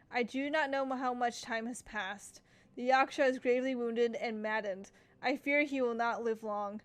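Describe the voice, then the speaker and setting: A woman streaming a game reads its text aloud as she plays, casually tripping over words and stopping to comment. Her voice sits on the high side.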